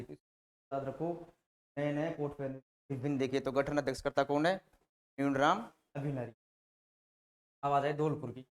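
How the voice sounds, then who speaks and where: A male teacher giving an exam-prep lesson, repeating names and quizzing the class with memory tricks. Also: on the high side. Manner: drills mnemonics with repeated questions and answers, shifting loudness.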